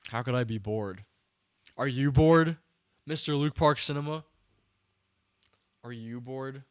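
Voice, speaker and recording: This young male podcast host is livestreaming a film breakdown, offering casual, enthusiastic commentary to chat. His mid-pitched voice is smooth and clear, a little slow, and he seems a bit tired as he rambles and restarts sentences. The close mic is dry, with no room sound.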